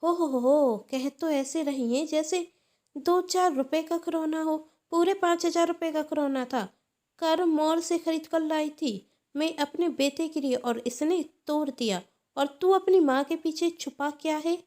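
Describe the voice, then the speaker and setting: A woman voicing an angry young mother who scolds loudly and complains in a shrill voice. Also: measured pace. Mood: indignant.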